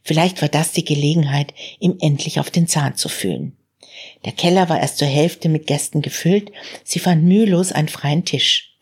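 Husky low-voiced woman narrator. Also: normal speed. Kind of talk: audiobook narration.

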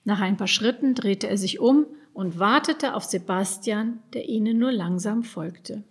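Breathy woman reading a storybook. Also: medium pitch, measured pace. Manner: lively expressive reading. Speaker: narrator.

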